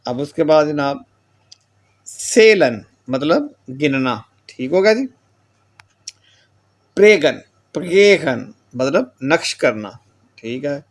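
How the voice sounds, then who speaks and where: A man's voice: on the high side, big pitch swings, takes it slowly, pauses often. A man teaching German pronunciation, reading out example words with their meanings in a patient lecture style and often adding a short filler tag. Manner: reads each word and its meaning, repeats the filler tag "theek ho gaya ji". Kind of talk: classroom lecture explaining pronunciation with word lists.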